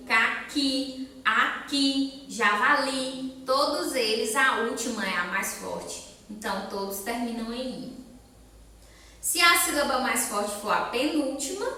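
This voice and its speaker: A woman's voice: on the high side, pushed and bright, very echoey, distant mic. A woman teacher with a Brazilian accent, patiently explaining a lesson to children step by step and asking them questions. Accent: Brazilian Portuguese. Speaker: elementary school teacher. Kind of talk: recorded remote class lesson.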